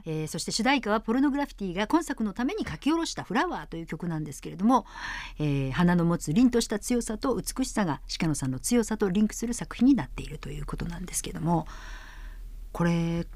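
A woman hosting a radio interview, brisk and attentive, with frequent short backchannels. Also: fairly low pitch, animated, darkish tone. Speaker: radio host.

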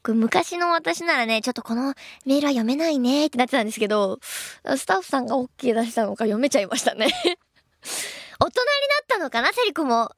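Young female radio host, bright high voice, chatty and self-mocking, dry close studio mic. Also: lively intonation, a little fast, dry recording. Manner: chatty, bubbly and self-deprecating. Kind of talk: casual radio talk reading listener mail.

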